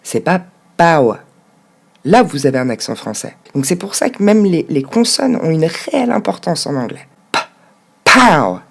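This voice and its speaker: A woman gives an English pronunciation lesson. Her voice sits on the low side, but her intonation swings widely. She breaks words into slow, clear syllables for her students. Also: big pitch swings, a little mellow. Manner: clear, instructive, models words slowly syllable by syllable.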